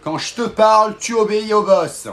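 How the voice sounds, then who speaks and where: A hot-headed, bossy boss, as a man puts him on, barking the same orders over and over in a comedic live-stream rant. The voice sits fairly high and pushes hard and loud. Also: moderate pace. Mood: angry scolding. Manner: repetitive, threatening, commanding. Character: bossy, short-tempered male boss scolding followers.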